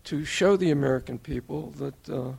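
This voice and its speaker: Gravelly earnest older man. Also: on the high side, darkish tone. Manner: measured, earnest, lists points in order. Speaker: interviewer. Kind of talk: formal tribute speech.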